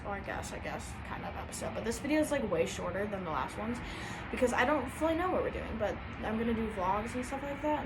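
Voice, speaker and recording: The vlogger is a young woman whose voice runs a little high, and her relaxed, rambling chatter is peppered with "um" and "like." Noise fills the background.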